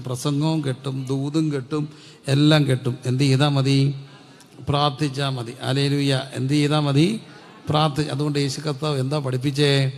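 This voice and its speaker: Middle-aged man preaching, gravelly voice, call-and-response, long hall echo. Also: medium pitch. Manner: call-and-response preaching, repeating questions to the congregation. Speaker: pastor. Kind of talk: Pentecostal sermon.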